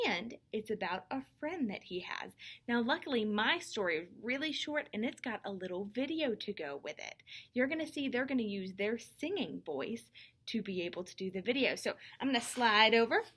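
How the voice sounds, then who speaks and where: A woman music teacher giving a lesson to young children, speaking slowly and clearly in an encouraging way. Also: medium pitch, fairly bright tone. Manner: slow, clear and encouraging, demonstrating voices.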